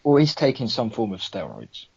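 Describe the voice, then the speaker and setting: A man's voice: fairly low pitch, huge pitch swings, moderate pace, creaky, a little mellow, slightly rough, dry recording. A young man with an Irish accent co-hosting a casual podcast, bantering and swearing freely. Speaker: podcast co-host. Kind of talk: casual chat. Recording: dull lo-fi dry sound.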